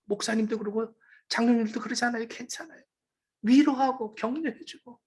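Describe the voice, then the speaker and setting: Husky, high-voiced woman preaching dramatically. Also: big pitch swings, moderate pace. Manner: emphatic, dramatic preaching with rhetorical questions; swings between loud calls and hushed asides. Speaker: pastor. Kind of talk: sermon.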